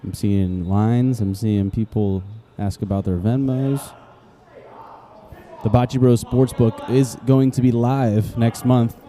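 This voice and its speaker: A man's voice: medium pitch, steady tone, slow, mellow. A man doing casual, joking play-by-play commentary for a live-streamed tournament, calling shots as they happen.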